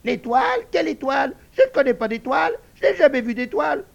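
A man's voice: very animated, quick pace, gravelly, muffled recording, heavily acted. A man reading a storybook and voicing a whiny, squealing little male pig who lies. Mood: whining. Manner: shrill, whiny, protesting.

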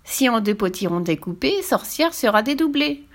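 A woman's voice: on the high side, very animated, normal speed, pitched above the performer's own voice. A woman voicing a spiteful, bickering witch who hurls silly rhyming insults in a storybook reading. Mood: mocking, spiteful. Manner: spits silly insults in rhymes.

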